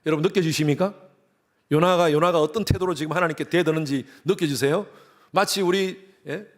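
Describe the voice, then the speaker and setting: A man's voice: on the high side, a little fast. A middle-aged man from Korea, a pastor preaching a sermon in a church and acting out quoted voices with animation. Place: church sanctuary.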